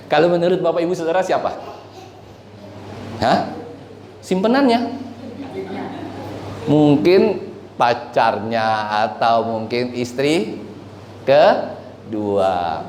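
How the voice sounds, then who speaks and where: A man's voice: medium pitch, darkish tone, a little hiss or hum. A man preaching a sermon as pastor, telling a story with laughs and asking the congregation questions. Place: church hall. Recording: echoey church hall.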